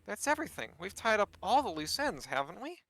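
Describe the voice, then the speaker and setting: A chirpy, excitable young detective's assistant from a mystery game, read out by a player. The voice is bright and sharp, and it swoops lively up and down. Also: mid-range voice, brisk, vocal fry, a little hiss or hum, poor audio. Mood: cheerful.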